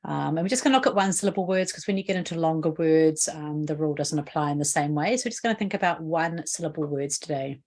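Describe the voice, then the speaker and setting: Kiwi lady teacher, lowish voice, patient explaining, video lesson, lots of "what do you notice?". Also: fast talker, few pauses, a little mellow. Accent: New Zealand. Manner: patient, explanatory, asks the viewer questions. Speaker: literacy educator.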